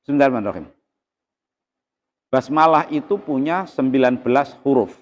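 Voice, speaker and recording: A man, giving a calm, measured Quran exegesis lesson as a teacher. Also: medium pitch. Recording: slightly dull lo-fi recording.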